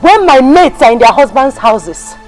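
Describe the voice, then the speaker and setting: An indignant unmarried woman, nigerian accent, high voice, film drama. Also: big pitch swings, normal speed, faint music behind. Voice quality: indignant, tearful. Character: bitter unmarried woman refusing an apology.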